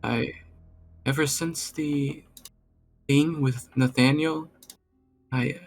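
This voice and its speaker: Casting: man playing a shy young woman, high and halting, apologetic and stammering. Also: fairly even intonation. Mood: tearful.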